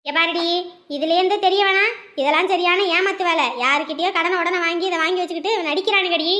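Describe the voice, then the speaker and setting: Actress as a stern middle-aged mother, suspicious and scolding, high pitch. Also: steady tone, quick pace, bright, forceful tone. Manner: scolding, distrustful. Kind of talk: web-series family drama acting.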